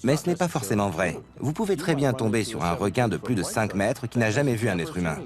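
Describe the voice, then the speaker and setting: A man's voice: lowish voice, very animated, a little fast. A man explaining as an expert interviewee in a documentary.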